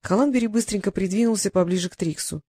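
A woman narrating a fantasy audiobook in a lively storytelling manner. Her voice sits at an ordinary pitch for a woman. The recording is dry and close. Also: fast talker, slightly rough, dry recording. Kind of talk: scripted narration.

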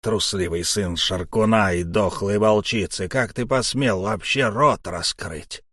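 A man voicing a brutal, drunken wolfish male boarder on a ship, talking slowly and menacingly. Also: on the low side, expressive, no room sound, studio quality. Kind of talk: audiobook character voice.

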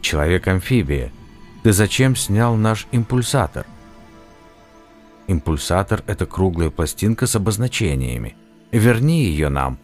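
A man narrating an audiobook who voices a calm, polite man from the far future, speaking in a measured way. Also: sits low, faint music behind.

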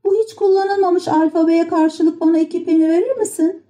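A woman voicing a small, eager wooden puppet boy in a high piping child's voice for a storybook reading. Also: brisk, mellow.

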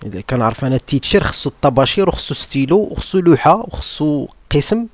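A man's voice: a little high, lively intonation, very fast, no room sound. A man with a Moroccan accent hosting an online debate room, arguing in a combative, mocking way full of rhetorical questions. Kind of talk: argumentative live-room monologue.

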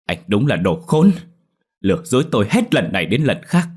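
A man voicing the vengeful female ghost of a young nurse, rasping and tearful, in a spoken horror story. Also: low-pitched, lively intonation, moderate pace. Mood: furious. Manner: rasping, wailing, then tearful.

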